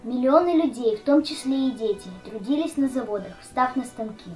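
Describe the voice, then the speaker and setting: Higher-pitched female school radio host over music. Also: normal speed, a little mellow, low-quality recording. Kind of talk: scripted commemorative narration.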